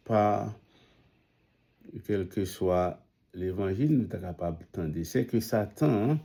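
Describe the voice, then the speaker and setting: A man preaching a sermon, with halting phrasing, pauses and restarts. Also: sits low, mellow.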